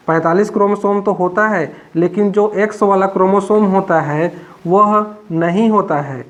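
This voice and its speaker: A man from Chhattisgarh teaching a biology class, explaining step by step and repeating himself often, with many fillers. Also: high voice. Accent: Chhattisgarh Hindi. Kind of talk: classroom lecture.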